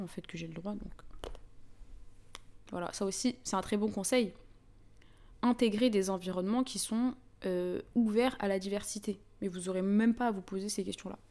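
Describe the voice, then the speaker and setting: A woman's voice: mid-range voice, steady tone, normal speed, warm tone. A woman chatting casually with viewers on a stream, talking in a loose, hesitant way with many restarts.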